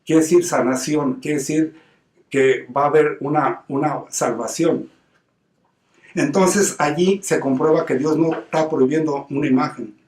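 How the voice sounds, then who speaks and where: A man's voice: on the high side, a little slow, darkish tone, recorded from a distance. Earnest Mexican man preaching in a roomy space. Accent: Mexican Spanish. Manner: earnest and emphatic, with many restarts and repeated words. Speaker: lay preacher. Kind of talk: informal sermon. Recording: roomy sound from away from the mic.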